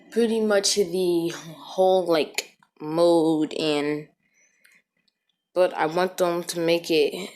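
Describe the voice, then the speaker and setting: Woman, lowish voice, loose rambling game commentary, echoey room. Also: a little mellow. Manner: rambling, many fillers and restarts. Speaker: gaming video creator. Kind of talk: casual gameplay voiceover. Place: echoey room, different from usual.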